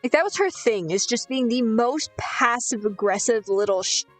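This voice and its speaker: A woman's voice: a little high, lively intonation, normal speed, soft background music. A young woman telling a rambling, sweary, self-deprecating story while gaming. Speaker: gaming streamer.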